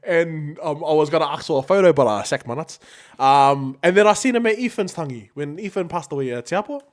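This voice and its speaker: A New Zealand man co-hosts a casual podcast, talking in a slangy, laid-back way and often repeating himself. His voice is a little high, animated and brisk.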